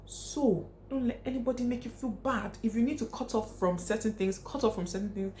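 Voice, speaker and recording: A woman's voice: a little high, brisk, darkish tone. A young woman vlogger giving frank, emphatic advice to her viewers, repeating her points for stress. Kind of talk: casual advice talk to camera. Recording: echoey room, faint hiss.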